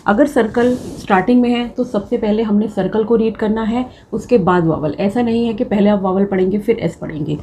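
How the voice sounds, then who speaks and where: Female tutor, young, warm mellow tone, calm step-by-step lesson delivery. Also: medium pitch, a little fast, hardly any pauses, a little hiss or hum. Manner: patient step-by-step explaining, mixing English terms. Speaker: shorthand teacher. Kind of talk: classroom lecture.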